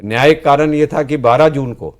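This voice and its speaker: Speaking at a normal speed in a fairly high-pitched voice, this older senior politician talks as a studio guest about past events. A former student leader, he is earnest and explanatory, frequently ending his lines with "जी".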